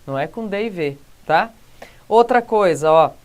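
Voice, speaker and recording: A woman's voice: on the low side, animated, a little mellow. Brazilian woman teaching a grammar lesson. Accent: Brazilian Portuguese. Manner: explains slowly with frequent "tá?" and "né, gente?" check-ins.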